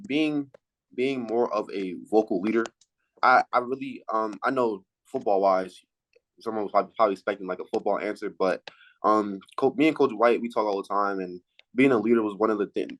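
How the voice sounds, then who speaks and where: Male, late teens, student athlete. Lowish voice, casual interview answers, halting delivery with repeated words. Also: fairly bright tone, poor audio. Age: late teens, high school senior.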